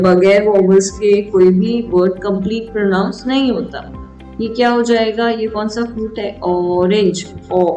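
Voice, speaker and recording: A woman with a medium-pitched, darkish voice teaches children an English grammar lesson, spelling each word out letter by letter and asking simple questions she then answers herself. She sounds distant in an echoey room, with faint music in the background.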